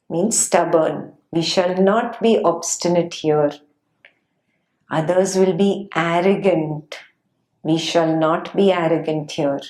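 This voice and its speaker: A woman teaching a class on Buddhist scripture, explaining gently and often checking in with her students. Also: on the low side, reverberant. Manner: gentle, frequent checking questions, laughs often. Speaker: dharma teacher.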